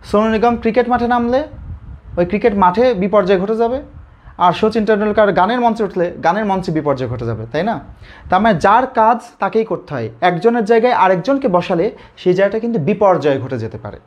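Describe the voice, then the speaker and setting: A man's voice: high voice, lively intonation, fairly quick. A male teacher with a Bangladeshi Bengali accent, giving a live online grammar lesson, who asks questions and then answers them himself. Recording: slightly dull lo-fi audio.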